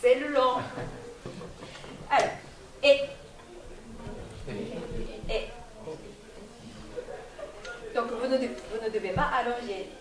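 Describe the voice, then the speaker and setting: A woman teaching a live language class to a festival audience, repeating words slowly so the class can echo them. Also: on the high side, crowd noise. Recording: echoey hall from far off, audience.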